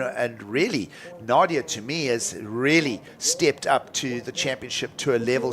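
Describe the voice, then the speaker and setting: A man's voice: fairly high pitch, fairly bright tone. Man announcing a live surf contest. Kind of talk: live sports commentary.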